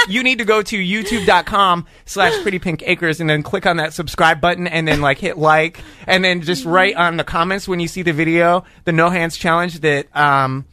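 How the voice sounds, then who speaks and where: Joking American radio host, bright and high. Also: male voice, no echo. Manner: joking, plugging the channel repeatedly. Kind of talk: casual studio banter.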